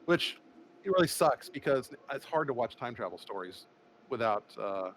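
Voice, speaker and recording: A man's voice: medium pitch, animated, normal speed, slight background noise. A man hosting a casual podcast stream, rambling, laughing often and restarting his sentences. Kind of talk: casual group chat on a stream.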